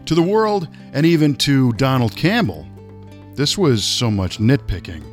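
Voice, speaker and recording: A man's voice: medium pitch, big pitch swings, soft background music. Man narrating a true story. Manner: measured, dramatic reading. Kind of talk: scripted nonfiction narration.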